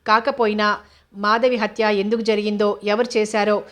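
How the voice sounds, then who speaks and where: A woman's voice: medium pitch, flat delivery, normal speed, fairly bright tone, lightly acted. A woman voicing a confident young female officer who asks cool, probing questions in a storybook reading.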